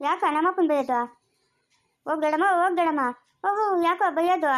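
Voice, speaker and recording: Woman doing a boastful young village guy, very high, fast talk. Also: fairly bright tone. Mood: defiant. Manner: boastful, defiant. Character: vain young village man in new clothes.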